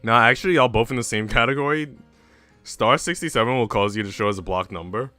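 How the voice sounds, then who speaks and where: Fast, bright and forceful, this mid-range male voice belongs to a young American hosting a livestream from a room at home, with no echo on the audio. Music runs underneath as he trades casual, slangy banter with viewers and swears freely.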